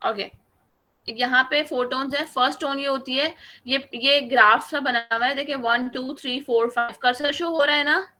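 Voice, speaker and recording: A woman's voice: sits high, steady tone, normal speed, sharp tone. A woman teaching an online Chinese class, patiently drawing out each sound as she demonstrates it. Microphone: video call.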